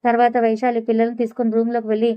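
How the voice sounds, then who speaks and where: A woman's voice: fairly high pitch, completely flat delivery, rapid-fire, clear, resonant tone, no room sound, lo-fi sound. A woman narrating a serialized audio story, voicing the dialogue of all characters in her own voice.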